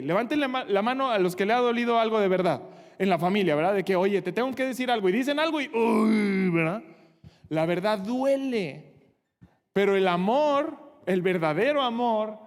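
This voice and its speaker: A man preaching a sermon, speaking directly to his congregation with earnest conviction. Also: high-pitched. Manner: earnest preaching, addressing the congregation directly, acting out short quotes. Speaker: pastor. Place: church hall. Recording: long hall reverb.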